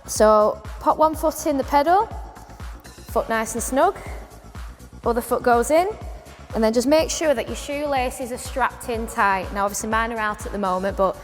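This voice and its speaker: A woman's voice: on the high side, moderate pace. A woman spin instructor informally explaining a bike demonstration step by step. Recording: echoey hall with music behind.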